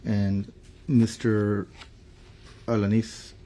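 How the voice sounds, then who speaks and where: A man serving as a judge in a courtroom recording, reading a verdict and running proceedings with halting speech full of fillers. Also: fairly low pitch, level tone, mellow, a little hiss or hum. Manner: halting, many fillers and restarts. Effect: courtroom recording played back.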